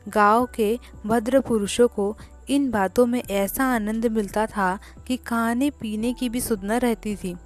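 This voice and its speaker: A woman narrating a classic short story as a storyteller, with a measured, deliberate reading. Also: fairly high pitch, steady tone, faint music behind.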